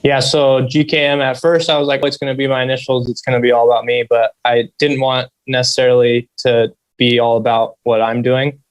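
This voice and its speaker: Soft, flat-voiced man, quiet and monotone. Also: mid-range voice, fairly quick, few pauses, low-quality recording. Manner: flat, understated delivery. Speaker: interview guest, solar business owner. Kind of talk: interview conversation.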